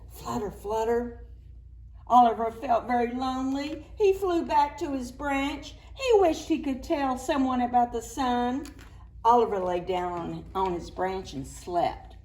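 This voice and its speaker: At preschool story time, a woman who works as a children's librarian reads picture books aloud in a lively, sing-song manner, with gentle whispered asides. Her pitch is fairly high and her pace measured, though the audio quality is poor.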